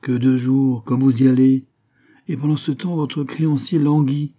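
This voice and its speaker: Storybook part: a man playing a mocking, impatient head clerk, pitched up and loud, dark husky tone. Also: level tone, normal speed, lightly acted. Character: curt, sarcastic male head law clerk.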